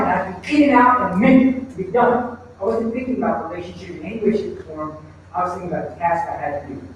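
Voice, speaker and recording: Male pastor, storytelling sermon, high voice, booming hall echo. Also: slight background noise. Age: adult with a child. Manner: storytelling, acts out quoted voices. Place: church sanctuary. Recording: echoey church hall from far off.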